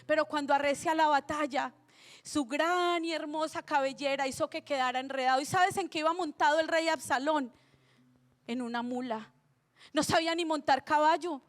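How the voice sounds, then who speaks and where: A woman's voice: high voice, moderate pace. A woman preaching a sermon in Spanish, retelling a story dramatically and voicing its characters. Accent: Latin American Spanish. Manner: dramatic, acts out the characters' lines. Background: soft music.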